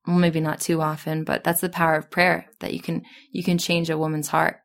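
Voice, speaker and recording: A young woman tells a story in a relaxed, chatty way and voices her own thoughts aloud as little quotes. Her voice sits a bit low, with a gravelly edge and little rise and fall. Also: fairly quick. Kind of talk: casual storytelling in conversation.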